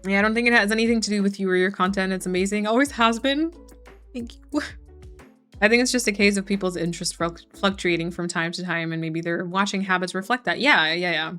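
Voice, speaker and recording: A young woman chats casually on a live stream at a mid-range pitch, reading viewers' messages aloud and answering them. Her talk is loose and full of "like" and "um". Soft music plays faintly underneath. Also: brisk. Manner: frequent fillers like "like" and "um". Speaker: streamer chatting with her chat.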